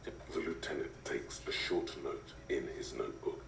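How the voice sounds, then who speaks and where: An actor voicing an omniscient male game narrator who comments in a wry, measured way. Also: extremely low pitch, gravelly, a bit bright, exaggerated voice. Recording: roomy distant game audio with hiss.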